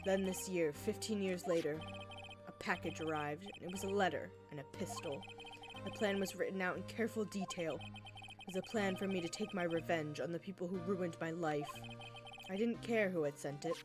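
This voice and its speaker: A woman voicing a bitter, resigned old man on a witness stand in a video game, speaking gravely and plainly over loud music. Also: on the low side, normal speed, natural voice.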